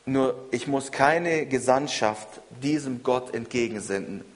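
A man preaching a sermon, earnest and measured, repeating phrases as he builds his point. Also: mid-range voice. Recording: reverberant hall.

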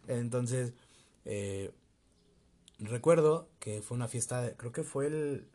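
A young man with a Mexico City accent, telling a personal story in a casual, slangy, animated way with bits of laughter. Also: medium pitch, slow. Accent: Mexico City Spanish. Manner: slangy, laughing, animated retelling with quoted voices. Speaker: vlogger.

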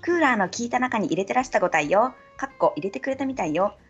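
A woman with a Kyushu dialect talks fast in a slightly husky voice, her pitch bouncing up and down as she chats. She hosts the conversation and keeps dropping in quick agreeing interjections. Faint music plays underneath. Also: lively intonation, highs cut off. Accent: Kyushu dialect, Chikugo-tinged. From Saga, Kyushu. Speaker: podcast host. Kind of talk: casual chat.

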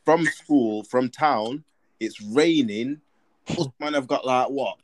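A man's voice: mid-range voice, slow, no echo. A young man with a London roadman accent and slang, telling things casually among friends. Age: young adult. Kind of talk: casual group chat.

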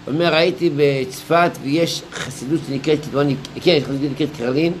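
Deliberate, slightly high-voiced male rabbi lecturing. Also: steady tone, a little hiss or hum, low-quality recording. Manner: explanatory, storytelling with anecdotes and rhetorical questions; deliberate, drawn-out phrasing with pauses. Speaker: rabbi teaching Torah. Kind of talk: Torah lecture.

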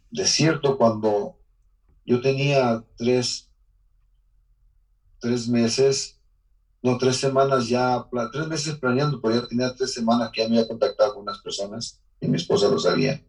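A man's voice: medium pitch, fairly even intonation, unhurried, long pauses, darkish tone. Mexican man telling his story, slightly distant. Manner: earnest, emotional storytelling with restarts. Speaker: interviewee. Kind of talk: personal life testimony.

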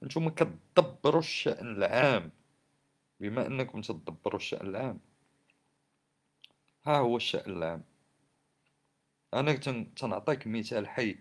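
Fast-talking indignant man, Moroccan Arabic accent. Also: medium pitch, animated. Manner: indignant, scolding, full of rhetorical questions. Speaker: social commentator. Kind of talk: impassioned spoken commentary on society and government.

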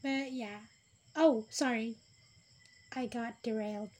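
A young woman hosts her own solo podcast, speaking slowly in a high-ish voice with a steady tone. She chats casually and rambles, often poking fun at herself. Her delivery drifts between whispers and louder bursts.

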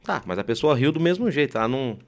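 A man's voice: medium pitch, expressive, quick pace. A man, a stand-up comedian, chatting as a guest in a casual interview, telling stories and acting out his own thoughts.

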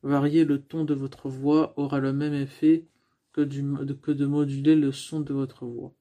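A warm-toned man with a mid-range voice speaks at a measured pace in a flat delivery. As a speaking coach, he teaches how to use the voice in communication, going step by step with many restarts and fillers.

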